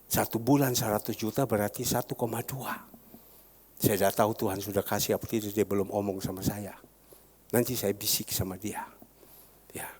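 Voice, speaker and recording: A man preaching as a pastor, repeating phrases fervently and rising to sudden loud peaks. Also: fairly low pitch, steady tone, normal speed, slightly rough. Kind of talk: sermon. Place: large church hall. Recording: long church-hall reverb.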